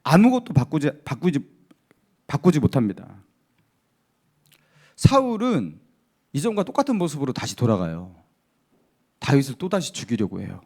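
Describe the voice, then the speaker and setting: A man's voice: mid-range voice, big pitch swings, moderate pace, long pauses, darkish tone. A male pastor preaching a sermon, emphatic, asking the congregation rhetorical questions.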